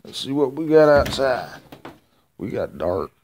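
A man's voice: medium pitch, big pitch swings, measured pace, darkish tone, slight background noise. A middle-aged man, rambling and thinking aloud in a casual vlog while he works on an engine in his home garage, filming with a handheld phone. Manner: rambling, folksy, thinks aloud with many uhs. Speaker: home mechanic vlogger. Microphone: handheld phone camera.

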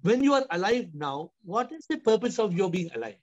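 This is a spiritual teacher in his fifties, Indian-accented, hosting a question-and-answer discourse and driving it with emphatic rhetorical questions asked again and again. His high voice has a sing-song lilt and moves a little fast. The recording comes through a video call and sounds dull and compressed.

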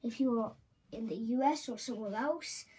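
A high, voice in a casual, unscripted toy review, rambling and halting with self-corrections. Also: mellow, slightly rough. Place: indoors, small tabletop green-screen setup. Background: music, occasional scratching from headphones.

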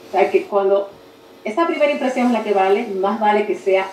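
A woman teaching a spelling masterclass over a video call, talking quickly and correcting herself as she explains. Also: mid-range voice, reverberant, slight background noise, poor audio. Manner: fast-talking, self-correcting, animated teacher. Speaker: guest instructor.

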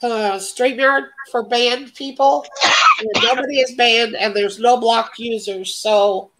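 A woman hosting her own live craft sale, chatting in an easygoing, matter-of-fact way. She talks slowly, and her voice is a little high. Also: fairly even intonation, very noisy. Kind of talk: casual live-stream chat.

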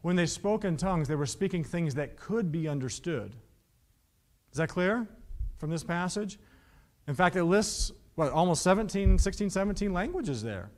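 Reading verses and posing rhetorical questions, a man in his thirties teaches from the Bible on a painted-backdrop studio stage. His high voice has a darkish tone and lively intonation, at a moderate pace.

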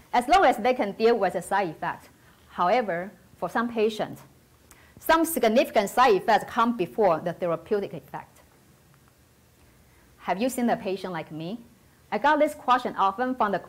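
Taiwanese-accented woman giving a stage talk. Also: a little high. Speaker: nursing professor giving a talk. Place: auditorium stage.

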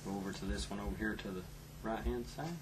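A middle-aged man giving a step-by-step painting demonstration as a gentle, unhurried instructor, talking in short soft phrases while he works. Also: lowish voice. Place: indoor dark studio, standing at easel. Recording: loud noise behind the voice.

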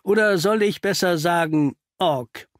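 A man's voice: high-pitched, unhurried, no room sound, clean studio sound, pitched above the performer's own voice. A man reading an audiobook, voicing a confident, cheerful male detective who talks in a teasing, cryptic way. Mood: cheerfully triumphant. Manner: teasing, cryptic, self-assured. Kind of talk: audiobook character voice.

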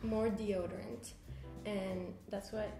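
A woman's voice: mid-range voice, fairly even intonation, slow pace. A young woman hosting a casual vlog, chatting and laughing while making deodorant at a kitchen table, swearing now and then. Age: young adult. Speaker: vlog host. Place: home kitchen table, indoors. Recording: roomy home room with music.

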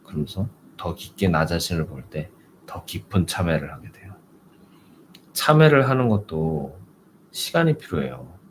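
A man's voice: deep voice, expressive, normal speed, a little hiss or hum. A man teaching as a Zen meditation teacher in a conversational sermon, full of rhetorical questions and prompting tags.

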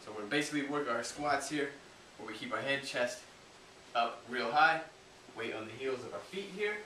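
Bright-voiced man coaching a workout, echoey. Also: medium pitch, normal speed, far from the mic. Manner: coaching, encouraging cues. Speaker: fitness trainer. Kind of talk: workout instruction. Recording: roomy echo, off-mic, faint hiss.

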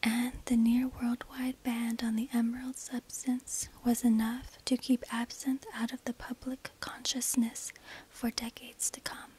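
A woman narrating a script in a breathy, unvoiced ASMR whisper, measured and deliberate, close on a binaural microphone. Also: fairly high pitch, level tone, darkish tone. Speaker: narrator of an ASMR history video.

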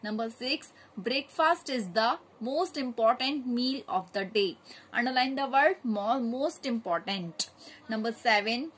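Husky-voiced woman teacher dictating answers. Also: on the high side, a little slow, low-quality recording. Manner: steady, methodical dictation of exercise answers. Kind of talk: grammar lesson, reading out answers.

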